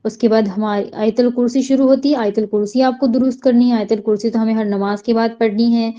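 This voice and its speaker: A woman teaching Quran recitation. She explains each sound patiently and chants the verses slowly. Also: on the high side, fairly even intonation, mellow, highs cut off.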